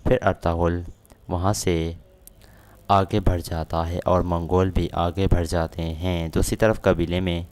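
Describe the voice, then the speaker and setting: A male narrator retelling a drama episode scene by scene in a steady, matter-of-fact way. His voice is very deep and barely moves in pitch. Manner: steady plot retelling with quoted lines.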